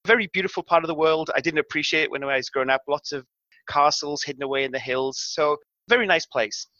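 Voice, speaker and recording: Middle-aged academic guest, self-deprecating explainer, slightly high voice. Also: male voice, fast talker, bright, forceful tone, no echo, muffled recording. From South Wales. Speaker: guest astrophysicist. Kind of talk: relaxed explanatory interview talk.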